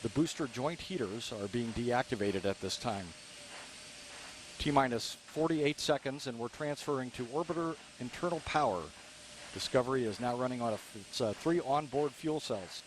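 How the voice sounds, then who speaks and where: An American man announcing a live launch countdown as a mission control radio commentator, measured and formal. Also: medium pitch. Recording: noisy, hissy launch broadcast.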